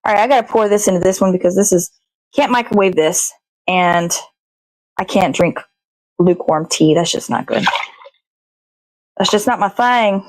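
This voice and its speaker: A show host chats casually while cooking in her home kitchen, rambling and thinking aloud with little sing-song asides. Her mid-range voice moves at normal speed with frequent pauses, and the recording is rough.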